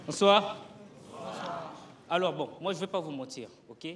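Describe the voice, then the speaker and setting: A man's voice: a little high, measured pace. A young man from Congo performing a stand-up comedy set, telling stories and acting out the voices of the people in them. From Congo (Brazzaville). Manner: animated storytelling, acting out voices of others. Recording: live stage with audience noise.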